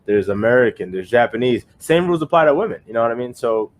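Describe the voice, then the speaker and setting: A man's voice: medium pitch, lively intonation, fast talker. A young man co-hosting a podcast, giving his opinions in a rambling, casual way with many fillers and restarts. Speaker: podcast co-host.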